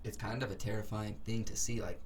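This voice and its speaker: A man's voice: lowish voice, fairly even intonation, a little fast, distant mic, a little hiss or hum. A man casually rambling through his recollection of a dream in a hazy, puzzled way, searching for words and unsure of details, in slangy everyday speech. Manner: slangy, informal. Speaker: vlogger recounting a dream.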